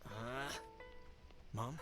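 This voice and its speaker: An actor playing an anxious, hopeful teenage boy in a video game, halting and pleading as he repeats himself. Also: medium pitch. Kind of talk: naturalistic video game dialogue. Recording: loud music behind the voice.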